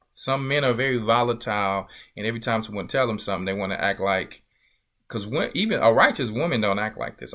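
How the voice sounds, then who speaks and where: With a fairly low voice that sounds pushed and bright, a church elder delivers emphatic Bible teaching in the manner of a sermon. He repeats phrases often and asks his listeners "you see" to see if they follow.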